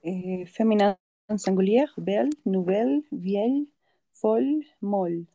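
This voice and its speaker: Gravelly-voiced student reading aloud. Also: female voice, medium pitch, a little slow, dark tone, no echo. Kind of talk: reading a list aloud in class.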